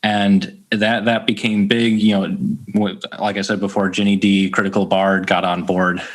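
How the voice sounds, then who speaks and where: A man's voice: fairly low pitch, flat delivery. A man who writes songs, talking in a casual interview with frequent restarts and fillers. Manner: halting, many restarts and fillers. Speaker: songwriter guest.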